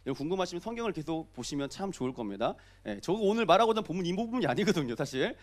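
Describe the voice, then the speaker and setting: A young man preaches at a rapid clip, his high voice leaping up and down as he jokes. He keeps firing questions at the congregation and answering them himself. The delivery is lively and playful. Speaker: pastor. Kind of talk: early-morning sermon.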